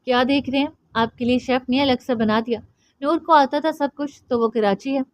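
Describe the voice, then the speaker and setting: Woman voicing a playful young wife, high and soft. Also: steady tone, moderate pace, no room sound, natural voice. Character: young wife, gentle, playful, later frightened. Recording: dry, slightly dull audio.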